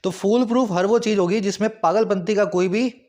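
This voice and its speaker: A man teaching English vocabulary in a lesson, explaining words in Hindi with frequent check-ins and slowly read example sentences. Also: sits high, steady tone, darkish tone. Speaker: English tutor.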